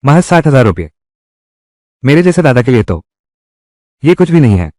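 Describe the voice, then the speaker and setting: Dub: male voice actor, young defiant village lad, scornful and cocky, lively delivery, dry studio sound. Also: mid-range voice, normal speed, dry recording, close to an everyday voice. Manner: scornful, challenging taunts. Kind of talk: Hindi drama dubbing.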